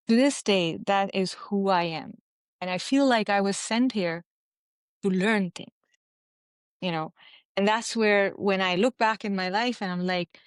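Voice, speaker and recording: Chatty woman, smooth voice. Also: medium pitch, no echo, studio quality. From Pakistan. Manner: chatty, animated, many "you know" fillers. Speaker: interview guest, physician and mountaineer. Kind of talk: casual interview storytelling.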